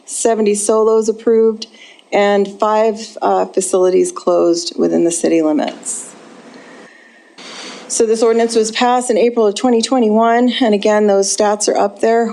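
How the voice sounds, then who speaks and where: A woman from city staff reporting to a city council work session in a steady plain way, with frequent ums. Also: mid-range voice, vocal fry. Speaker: city code enforcement staff presenting to council.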